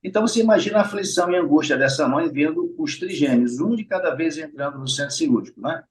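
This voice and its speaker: A middle-aged heart surgeon with a Brazilian Portuguese accent explains things patiently in an explanatory, conversational interview. He often uses tag questions and speaks directly to his listeners to check in with them. His voice is on the high side, expressive, and fast.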